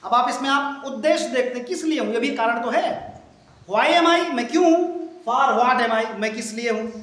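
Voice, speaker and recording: A man teaches a class, his voice pitched very high. He repeats each English phrase slowly and fires questions at the students. The room rings with strong echo. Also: fairly bright tone. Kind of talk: classroom lesson. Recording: very echoey classroom.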